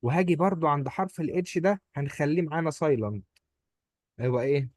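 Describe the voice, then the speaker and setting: A man's voice: fairly high pitch, quick pace, darkish tone, no echo, studio quality. A man with an Egyptian Arabic accent, teaching German pronunciation one-on-one, patiently repeating each word for his student. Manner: patient, drills words by repeating them.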